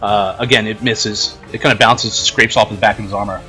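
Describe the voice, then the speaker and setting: A man narrating a tabletop role-playing game as game master, describing action in a halting way. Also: fairly low pitch, steady tone, pushed and bright, soft background music.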